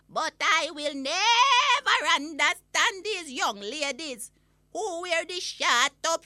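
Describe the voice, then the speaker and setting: A woman's voice: very high voice, bright, forceful tone, no room sound, studio quality, heavily acted. A woman playing a cantankerous old Jamaican granny in a comic audio-story rant, scolding, blunt and indignant, with a Jamaican accent. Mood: disapproving.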